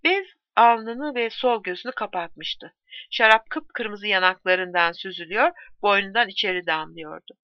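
A woman reads a novel aloud in a measured, even narration. Her voice sits at a middle pitch. The recording is dry and a little dull in the highs. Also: no room sound. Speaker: audiobook narrator.

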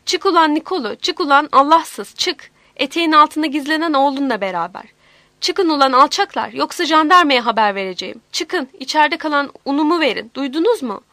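A woman's voice: high-pitched, expressive, fast, fairly bright tone, dry recording. A woman voicing a tough, foul-mouthed village aunt who bellows and curses while protecting a girl. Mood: outraged. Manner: cursing, bellowing.

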